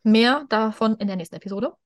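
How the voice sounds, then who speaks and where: A woman's voice: on the high side, brisk, no echo, clean studio sound. A young adult woman co-hosting a podcast, talking casually as a fan with English words dropped into her German. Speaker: podcast co-host.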